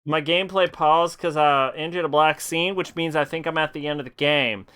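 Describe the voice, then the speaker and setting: Bright-voiced drunk man, Californian-Southern American accent. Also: fairly high pitch, fairly even intonation, moderate pace, smooth. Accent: mixed Californian and Southern American. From United States. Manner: rambling, blunt, profane. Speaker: game streamer. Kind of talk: casual livestream gameplay commentary.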